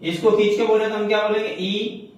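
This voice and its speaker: A man's voice: high-pitched, level tone, brisk. A man teaching a Hindi grammar lesson. He asks questions and answers them himself, and he repeats the key terms. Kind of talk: classroom lecture. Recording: echoey room, mic far off.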